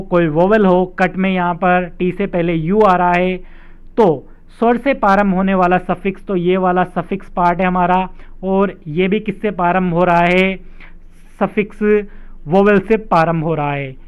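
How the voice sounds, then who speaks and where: Dull, lo-fi audio captures a high-voiced man with a smooth delivery teaching spelling as an English teacher. He lays out the rules step by step, slowly, and repeats them alongside examples.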